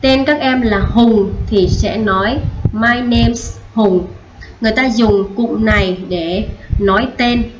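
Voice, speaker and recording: A woman teacher with a fairly high voice talks very slowly and patiently. She says short English phrases twice and then explains each one in Vietnamese. Steady hiss runs under the recording. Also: poor audio. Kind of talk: slow classroom teaching.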